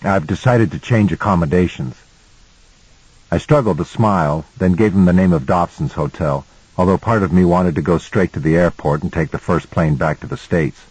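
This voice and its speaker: Guy reading an audiobook, deep voice, kinda husky, steady storytelling. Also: no room sound, low-quality recording. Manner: measured storytelling. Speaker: audiobook narrator. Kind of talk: scripted first-person audiobook narration.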